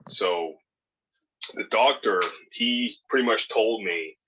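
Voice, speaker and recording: Born in California and raised in Hawaii and Spain, a man in his thirties speaks slowly in a lowish, sharp-toned voice during a casual podcast interview, rambling with frequent fillers and restarts. The recording is muffled, with a little hiss or hum.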